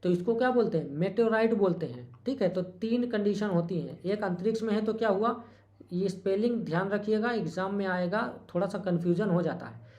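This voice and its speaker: This medium-pitched, darkish-toned teacher focuses on exam prep, hammering home key terms and asking rhetorical questions. Whenever a small slip happens, a quick apology and correction follow.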